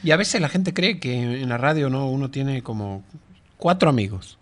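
A man hosting a radio show, joking in casual banter with quick asides. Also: medium pitch, animated, fairly bright tone. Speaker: radio host.

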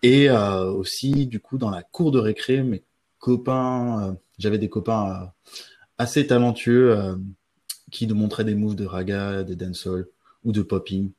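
Guy from french guiana, lowish mellow voice, rambles and says euh a lot. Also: measured pace. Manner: relaxed, rambling, many hesitant fillers. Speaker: guest beatboxer. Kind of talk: casual interview answers.

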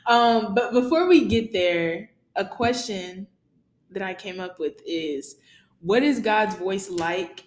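A young woman steers a casual faith conversation and moves it on to each next point. She keeps up a steady stream of affirming hums while her co-host talks. Her voice rings slightly in an echoey room. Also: mid-range voice. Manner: leads the topics, lots of affirming hums. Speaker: podcast co-host.

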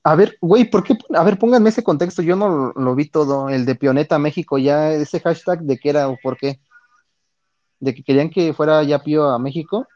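His voice is on the high side with a darkish tone, delivered at normal speed. A Mexican-accented man chatting with his stream in casual, cursing slang, he reads and responds to chat messages. The recording is dull, dry and lo-fi, without any echo.

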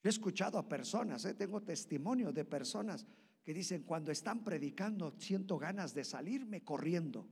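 A male pastor preaching a sermon, leaping into loud high bursts and then dropping to a hush. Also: lively intonation, normal speed, breathy edge. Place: church hall. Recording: long church reverb.

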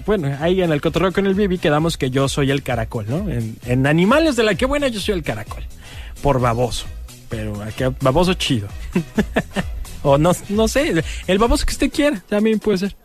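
A man with a Mexican accent hosting a radio joke segment, playful and laughing at his own jokes. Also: high-pitched. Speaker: radio comedy host.

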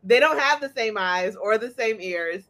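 A woman's voice: mid-range voice, expressive, moderate pace, fairly bright tone. A woman co-hosting a podcast with a slight lisp, chatting animatedly and retelling scenes. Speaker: podcast co-host. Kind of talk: casual chat.

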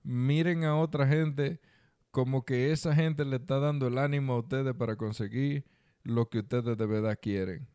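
Smooth-voiced Dominican man chatting casually. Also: medium pitch, dark tone, dry recording, studio quality. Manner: colloquial slang, repeats phrases for emphasis. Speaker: podcast co-host. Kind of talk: casual conversational chat with advice to listeners.

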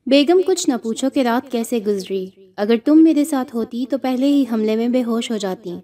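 A woman's voice: on the high side, lively intonation, warm tone, lightly acted. A woman voicing a cheerful, reassuring middle-aged uncle in an audio horror story. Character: middle-aged uncle, cheerful, tired after a long night.

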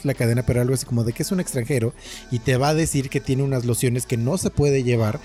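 A man's voice: medium pitch, steady tone, fast, mellow, soft background music. A man in his thirties with a Mexican accent, co-hosting a casual podcast and telling a personal story, acting out the quoted dialogue. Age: 30s. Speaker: podcast co-host.

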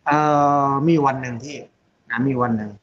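A man's voice: mid-range voice, normal speed, dull audio. A middle-aged man, a surgeon and company head, talking casually and animatedly in an interview, often checking with tag questions. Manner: chatty, animated storyteller, many tag questions.

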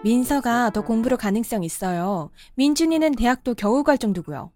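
A woman's voice: on the high side, expressive, brisk, darkish tone, close to an everyday voice. Woman playing a polite but firm daughter-in-law. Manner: polite, respectful, growing insistent. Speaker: voice actor in cartoon drama. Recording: faint background music.

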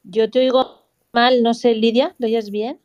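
A woman's voice: a little high, fairly even intonation, a little slow, darkish tone, dry recording. Woman co-interviewer, glitchy robotic connection, dull dry sound. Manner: asks questions and follow-ups. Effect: glitchy, robotic, cutting-out audio from a bad connection. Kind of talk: casual video-call interview. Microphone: video call. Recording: dull, lo-fi video-call line.

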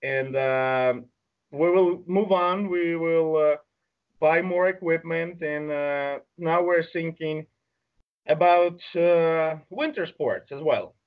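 A man with a fairly high voice and a Belarusian accent speaks as an interview guest. His English is halting and non-native in its phrasing, delivered conversationally. The audio is somewhat dull and lo-fi. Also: clean tone. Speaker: interview guest, adaptive sports organiser.

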